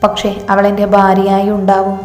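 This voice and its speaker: A woman's voice: medium pitch, completely flat delivery, normal speed, a little mellow, natural voice. A woman voicing a greedy, scheming young man in a storybook tale, in an echoey hall with faint music. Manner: cold, calculating.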